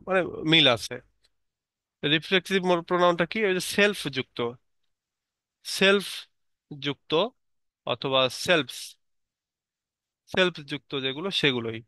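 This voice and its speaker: A man's voice: on the high side, measured pace, long pauses, pushed and bright, dry recording. A man teaching an online English grammar lesson, explaining step by step and repeating key terms.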